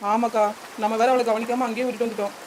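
A woman voicing a brave, kind young aunt in a cartoon, speaking briskly and reassuringly. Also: fairly high pitch, flat delivery, slight background noise, lightly acted. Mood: warm. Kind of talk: cartoon voice acting.

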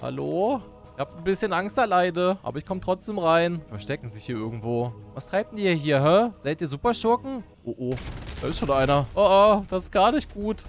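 Excitable gaming streamer guy, lively pitch. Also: fairly quick, faint music behind. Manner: joking, playacting a washed-up beer-bellied Thor; excitable, frequent "oh, oh" exclamations. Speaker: gaming YouTuber. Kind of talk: Let's Play commentary.

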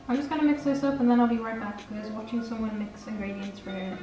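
A woman's voice: a little high, fairly even intonation, quick pace, mellow. A teenage girl chatting in a rambling, self-correcting way while she bakes in her home kitchen. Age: teens. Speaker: vlogger. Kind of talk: casual baking vlog chat. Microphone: camera across the kitchen. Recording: roomy kitchen echo, distant camera mic, background music.

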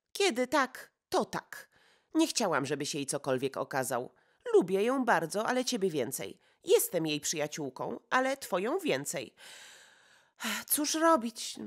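Excitable gossipy society lady, breathless and exclaiming, voiced by a woman reading an audiobook. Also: medium pitch.

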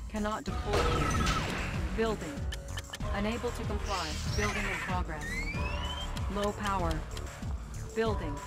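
A woman voicing a calm female base computer that gives short, level status announcements in a video game. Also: mid-range voice, measured pace, pauses often, natural voice. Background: game music.

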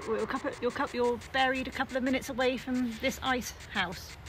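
A woman on a ghost hunt, quietly asking spirits questions. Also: high voice, fairly even intonation, fairly quick, loud music behind the voice. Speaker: ghost hunter. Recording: distant voice with loud outdoor noise.

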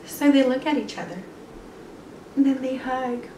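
A woman in her thirties reads a picture book aloud to children, pausing to comment on it, in a high, mellow voice at an ordinary pace. She's in an indoor room with a bare wall, and the recording sounds echoey, with a distant mic and some noise.

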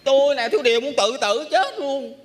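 An actor playing an exasperated, henpecked husband with a Southern Vietnamese accent, complaining comically on stage. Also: male voice, extremely high pitch, lively intonation, brisk. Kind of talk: stage comedy acting. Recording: stage recording with background noise.

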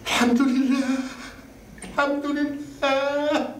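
A man's voice: extremely high pitch, normal speed. An actor with an Egyptian accent playing a proud, emotional elderly father in a vintage TV drama. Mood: overjoyed. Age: older. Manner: grumbling, then overjoyed and tearful. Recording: roomy, distant, faintly noisy old archive.

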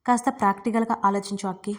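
A woman's voice: mid-range voice, fairly even intonation, fast talker, a little mellow, lightly acted. A woman reading a snappy, scolding young wife. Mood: irritated. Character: young newly married woman, sharp-tongued and fed up. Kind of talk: audiobook character reading.

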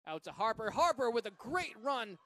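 A man from Massachusetts calls a rugby match play by play in a fairly high voice. His delivery is energetic and jumps to shouts when a runner breaks loose. A faint hiss of noise sits under the commentary. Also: moderate pace. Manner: energetic play-by-play, surging to shouts on big runs.

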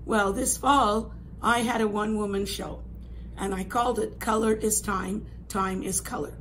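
Older lady art teacher, hoarse raspy voice going whispery, explaining an assignment firmly, noisy classroom. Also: medium pitch. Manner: instructive, emphatic, checks understanding with "okay?". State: hoarse, losing her voice. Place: classroom art room, indoors. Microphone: camera a few metres away. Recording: clear room noise.

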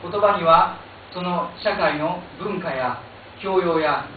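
Middle-aged male moderator with a Japanese accent, halting delivery, on a distant phone-like recording. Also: high-pitched. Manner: halting, many fillers and restarts in English. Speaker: panel moderator. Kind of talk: bilingual panel moderation. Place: small meeting room indoors. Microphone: stand mic, filmed from far camera. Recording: echoey, distant, phone-like hiss.

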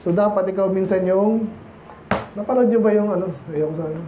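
High-voiced Filipino preacher in an echoey church. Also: male voice, brisk, noisy background. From Philippines. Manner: conversational, teasing, many rhetorical questions to the congregation. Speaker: pastor. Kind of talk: sermon. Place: church sanctuary. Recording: echoey, muffled church recording.

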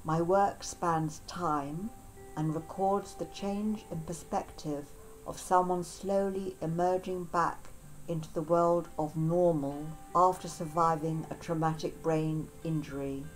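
A woman artist speaking in composed, clear statements in an interview. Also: low voice, fairly even intonation, slow pace, soft background music, low-quality recording. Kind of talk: interview monologue.

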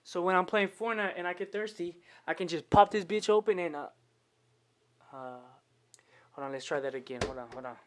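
A man's voice: high-pitched, fairly quick. A young man vlogging in a loose, joking way, cursing a lot. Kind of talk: casual vlog chatter.

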